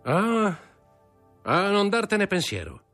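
A man's voice: medium pitch, very animated, normal speed, slightly rough, faint music behind, voice pushed up. A man reading aloud voices a cold, impatient young man who answers in curt, disdainful tones.

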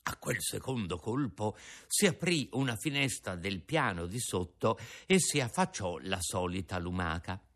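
A man narrating a storybook in an expressive, animated way. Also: fairly low pitch, unhurried.

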